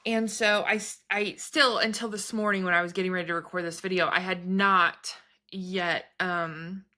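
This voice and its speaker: Female vlogger, crisp bright tone on the lower side, loose conversational delivery that wanders and restarts. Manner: hesitant, self-interrupting, informal. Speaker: vlogger talking about trance channeling spirit guides. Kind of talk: casual rambling video chat.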